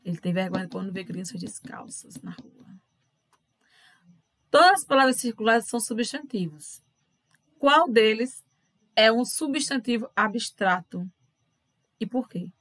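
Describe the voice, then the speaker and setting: A woman's voice: fairly high pitch, animated, measured pace, pauses often, fairly bright tone, no echo. A woman with a Brazilian Portuguese accent, teaching a recorded lesson to children. She walks through worksheet questions patiently and keeps checking in with the pupils. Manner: patient, addresses pupils directly with tag questions.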